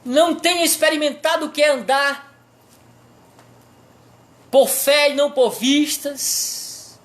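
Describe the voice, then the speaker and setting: Slow, emphatic Brazilian pastor preaching. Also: high voice, steady tone. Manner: rhetorical questions, emphatic preaching. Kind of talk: sermon.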